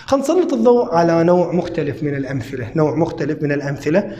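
Iraqi guy teaching english, keeps asking then answering himself, mellow tone, roomy echo. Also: on the high side, lively intonation, muffled recording, slight background noise. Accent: Iraqi Arabic. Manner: repeats words slowly, asks and answers own questions. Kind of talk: classroom lesson explanation.

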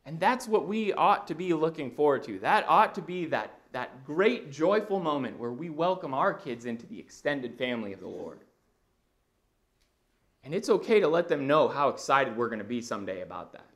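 A man's voice: a little high, sing-song, normal speed, fairly bright tone. A man in his thirties preaching a conversational sermon while walking the stage of a church auditorium. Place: church auditorium with a projection screen.

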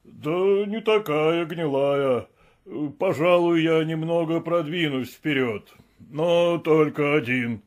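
A timid old servant, high up in a tree, drags out his words slowly and plaintively, as a male audiobook reader puts him on. His voice sits fairly high for a man and sounds a little apart from the narrator's own. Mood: wary. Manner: slow, drawn-out, plaintive speech. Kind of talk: audiobook character voice.

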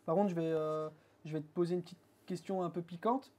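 Chatty man interviewer, mellow voice. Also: a little high, steady tone, fairly quick. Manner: chatty, hedging questions with fillers. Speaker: interviewer, host. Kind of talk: casual interview. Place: dim motorcycle workshop studio.

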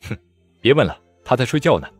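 A man's voice: fairly low pitch, sing-song, quick pace, darkish tone, husky, dry recording, faint music behind. A man voicing a wry, sighing scholarly official who quotes classics.

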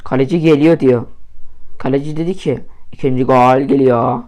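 A young man commentating his own mobile football match, swearing often, shouting at goals and muttering in between. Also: mid-range voice, steady tone, normal speed. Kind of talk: casual gaming commentary.

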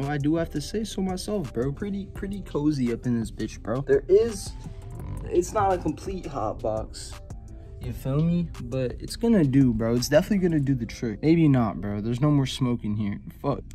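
A man's voice: medium pitch, warm tone. Young man with a stoner drawl. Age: young adult. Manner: stoner drawl, hazy and rambling. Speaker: vlogger. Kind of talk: casual slangy chat to camera. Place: small enclosed pillow fort indoors.

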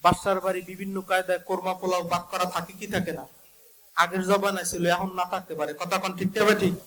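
A man's voice: high voice, little pitch movement, sharp tone, a little hiss or hum, low-quality recording. A male preacher, delivering a chanted, emotional sermon to a gathering and calling out to the crowd. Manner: sing-song, calls out to the crowd, drawn-out chanted lines. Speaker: Islamic preacher.

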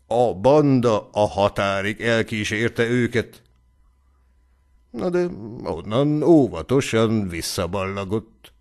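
Guy narrating an audiobook, lively up-and-down voice. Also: lowish voice. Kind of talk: scripted narration.

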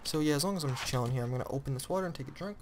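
A teenage boy giving rambling, excitable let's-play commentary, often correcting himself mid-sentence. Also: mid-range voice, racing, background noise. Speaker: gamer.

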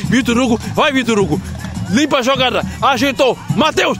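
A man giving rapid play-by-play commentary on an amateur football match at night, shouting out the goals. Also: very high voice, expressive, over music. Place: outdoor floodlit football pitch at night. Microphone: handheld phone camera.

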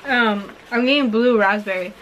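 A woman's voice: a little high, moderate pace, fairly bright tone, highs cut off, slight background noise. A young woman vlogger chatting casually as she eats and rates sour candy in a small bedroom. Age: young adult. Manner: talking while eating sour candy. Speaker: vlogger hosting a candy challenge. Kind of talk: casual chat while tasting. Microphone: camera about an arm's length or more away.

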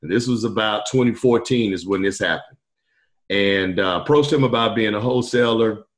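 A middle-aged man, a podcast guest, telling his story in a relaxed, rambling way with many fillers over a video call. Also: fairly low pitch, moderate pace. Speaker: podcast guest, truck driver turned wholesaler. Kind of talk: casual storytelling interview. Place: indoor room, video call. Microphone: webcam on video call.

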